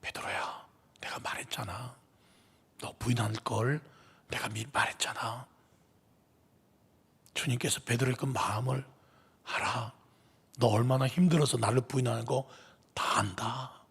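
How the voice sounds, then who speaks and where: A man voicing Jesus as a tender, consoling male figure in a soft, hushed whisper during a sermon. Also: mid-range voice, fairly even intonation, quick pace, hardly any pauses, breathy edge. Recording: long reverb of a church hall.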